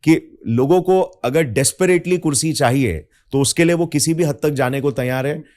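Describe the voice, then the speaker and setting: Soft-spoken young podcast host. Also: male voice, on the high side, normal speed. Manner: soft-spoken, attentive, frequent affirmations. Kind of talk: casual interview chat.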